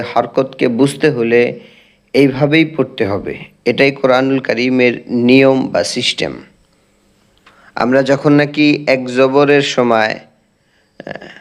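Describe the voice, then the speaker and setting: Slow, deliberate male Quran teacher. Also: medium pitch. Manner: slow, deliberate drill of letter sounds; recites Arabic in a drawn-out chant. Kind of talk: instructional lesson.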